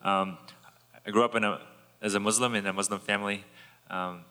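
A man from Kazakhstan speaks, low and flat but quick, hesitating and filling gaps as he talks. His voice echoes in a large hall. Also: clear, resonant tone. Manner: halting, many fillers. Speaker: campus minister. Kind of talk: panel introduction.

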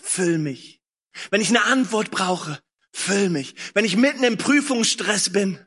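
A man preaching a sermon, moving between hushed, intimate passages and fervent, insistent calls, repeating phrases and urging "come on". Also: fairly high pitch, husky. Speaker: pastor. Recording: long hall reverb, slightly distant.

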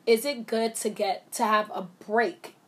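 A woman's voice: a little high, fairly even intonation, a little slow. A young woman co-hosting a podcast in loose, casual chat, laughing often. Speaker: podcast co-host.

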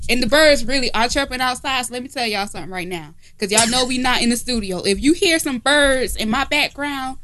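Brash woman podcast host, kinda high voice, cussing and teasing, casual funny chat. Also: fairly bright tone. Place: informal home setting, not a studio.

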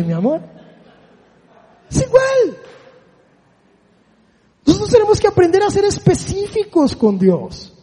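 A man's voice: very high-pitched, warm tone, big-room sound. A man preaching a sermon, often putting rhetorical questions to his listeners.

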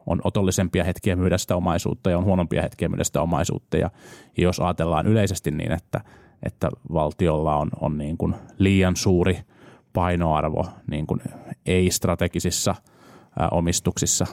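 Low, gravelly man speaking hesitantly. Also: dark tone, no room sound, studio quality. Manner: hesitant, repeats words when starting points. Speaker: discussion participant. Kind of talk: casual policy discussion.

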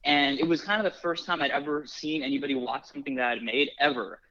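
A man's voice: a little high, steady tone, fast, pushed and bright, lo-fi sound. A young man from Los Angeles telling stories casually, with many likes and restarts. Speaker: film producer. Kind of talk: casual storytelling.

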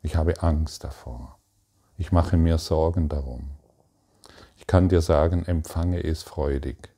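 A man giving a calm, meditative spiritual talk, speaking to the listener directly and asking probing questions in halting phrases. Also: extremely low pitch. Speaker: spiritual teacher.

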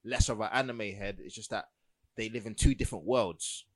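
A man's voice: on the low side, a little fast. A young man with a London accent and roadman slang, hosting a casual podcast chat. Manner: roadman slang, urban London street talk. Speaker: podcast host.

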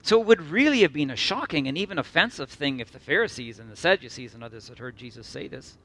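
Male preacher, middle-aged, slightly high, bright voice, emphatic with sudden quiet drops. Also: lively intonation. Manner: earnest, emphatic, with slow repeated phrases and sudden soft drops. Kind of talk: sermon.

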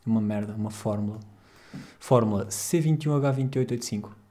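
This young podcast host, whose accent is European Portuguese, talks briskly in a lowish, dark voice. His casual chat is loose, jokey, and full of slang.

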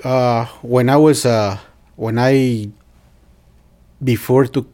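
A man from Mexico, a restaurant owner being interviewed, speaking hesitantly with many pauses and restarts. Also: medium pitch, fairly even intonation, mellow. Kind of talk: casual interview.

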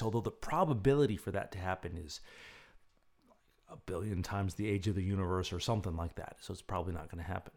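A man with a fairly low voice and plenty of gravelly fry. He hosts in a casual, reflective style suited to chat and guided relaxation. His delivery is musing and conversational, with pauses for emphasis. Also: a little mellow. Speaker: host leading a talk and guided breathing exercise; assisted living home worker. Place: dining room at home.

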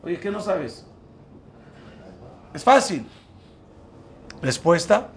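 A man's voice: high-pitched, big pitch swings, very slow. A man, a rabbi, giving a Torah lesson to a class, putting questions to his listeners and acting out the dialogue in the stories he tells. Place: room with a live class.

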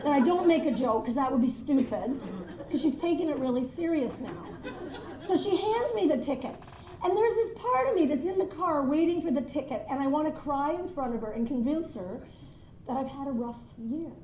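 High-voiced woman doing stand-up. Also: normal speed. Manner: animated storytelling, acting out both sides of conversations. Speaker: stand-up comedian. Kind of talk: stand-up comedy routine. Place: live venue with audience. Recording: echoey room with crowd.

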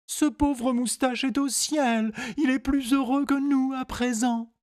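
A man's voice: very high-pitched, steady tone, takes it slowly, no echo, studio quality. A man voicing a kindly grown woman in a storybook reading, who speaks to a child in a soothing way. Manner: soothing, gentle.

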